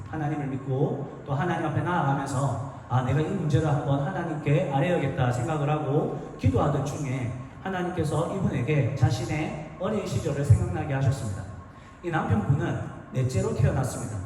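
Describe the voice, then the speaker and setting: A man's voice: fairly high pitch, dark tone. A man preaching a sermon as pastor, telling a story and acting out the voices in it. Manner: storytelling, acting out quoted dialogue. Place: church sanctuary. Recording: echoey hall, distant mic, noisy.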